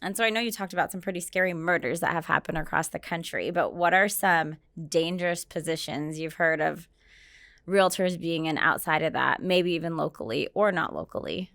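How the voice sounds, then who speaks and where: A woman's voice: fairly low pitch, fairly quick, gravelly, fairly bright tone, dry recording, clean studio sound. A woman hosting a podcast interview, adding realtor experience and asking follow-up questions. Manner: brief affirmations, asks follow-up questions.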